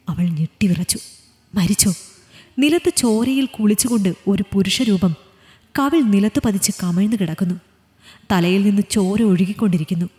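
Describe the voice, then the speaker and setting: A woman narrating a story in a measured, scripted reading. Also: mid-range voice, mellow, big-room sound.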